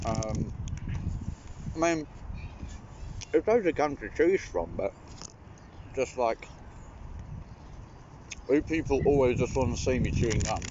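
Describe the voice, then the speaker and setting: A man's voice: mid-range voice, animated, slow, pauses often, warm tone. A British man in his thirties chatting casually and ramblingly between mouthfuls as he eats, mukbang style. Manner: rambling, talking between mouthfuls while eating. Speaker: online video creator. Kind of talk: casual mukbang eating chat. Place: outdoors near a building and bare trees. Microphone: phone propped below at arm's length. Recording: muffled phone audio with outdoor wind noise. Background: wind and outdoor noise.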